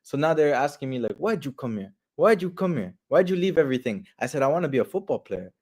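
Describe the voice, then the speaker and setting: A man's voice: on the high side, big pitch swings, fast talker, darkish tone. A young man in his twenties from Canada, a football player talking candidly in an interview and repeating phrases for emphasis. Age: 20s. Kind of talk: casual interview talk.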